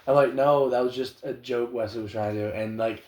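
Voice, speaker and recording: A man's voice: mid-range voice, brisk, muffled recording. A young man from Alabama co-hosting a casual podcast, playfully denying his friend's jokes. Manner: playful, deadpan denials. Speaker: podcast co-host. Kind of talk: casual banter. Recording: echoey room.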